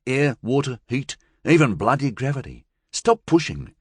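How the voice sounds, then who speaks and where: A man's voice: mid-range voice, big pitch swings, moderate pace, breathy edge, dry recording, studio quality, pitched above the performer's own voice. A male narrator voicing an anxious, sheepish young man who talks earnestly. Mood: worried. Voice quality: earnest, worried.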